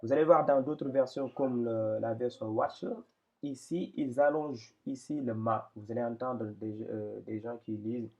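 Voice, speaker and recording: A man's voice: medium pitch, moderate pace, warm tone, muffled recording. A man teaching Quran reading in an explanatory lesson, patient and hesitant, often repeating words as he points things out.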